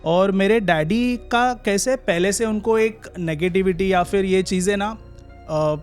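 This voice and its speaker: A young man with a notably high-pitched voice, telling a personal story as a podcast guest. He speaks casually and haltingly, pausing and restarting often. Soft music plays quietly underneath. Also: clean tone. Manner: halting, drawn-out pauses and restarts.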